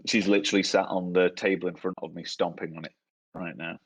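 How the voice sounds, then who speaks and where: A man hosting a casual online chat, talking in a relaxed, easygoing way. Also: low voice, quick pace, husky, no echo. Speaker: host. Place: at home on a call.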